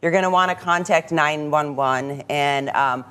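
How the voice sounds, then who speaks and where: A woman's voice: sits low, a little slow, fairly bright tone, smooth. A woman with an American accent speaking as a guest educator, explaining and demonstrating on live television.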